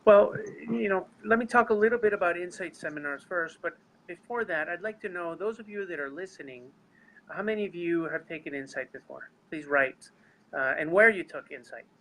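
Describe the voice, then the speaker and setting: Over a rough-sounding video call, a man with a non-native English accent leads a live webinar, addressing viewers earnestly about his seminar work. He speaks fairly quickly in a high voice with a fairly bright tone.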